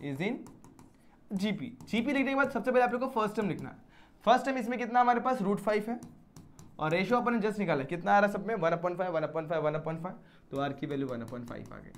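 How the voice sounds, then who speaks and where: A male maths teacher explaining problems step by step in a classroom lecture, often putting questions to his students. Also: high-pitched.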